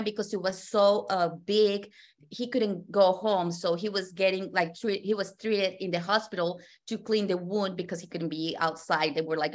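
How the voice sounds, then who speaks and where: Earnest woman. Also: on the low side. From Colombia. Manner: earnest, with frequent fillers and restarts. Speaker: testimonial guest. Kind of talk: personal testimony.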